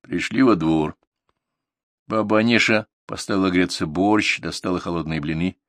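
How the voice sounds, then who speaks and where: A male audiobook narrator with a somewhat low voice, telling the story in a calm, even way. The reading is dry and close, with no room around it. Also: normal speed, no echo.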